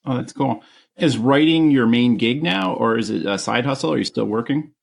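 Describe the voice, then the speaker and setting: A man's voice: mid-range voice, expressive, moderate pace, creaky. A man co-hosting a podcast, putting short, friendly questions and reactions to his guest. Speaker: podcast co-host. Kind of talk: casual interview.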